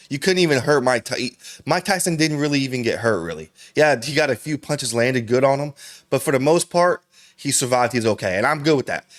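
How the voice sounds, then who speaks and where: A man's voice: medium pitch, a bit bright. Slangy man saying "bro" a lot. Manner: slangy and profane, says "bro" constantly; rambling, with frequent restarts. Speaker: reaction video host. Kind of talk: casual reaction commentary.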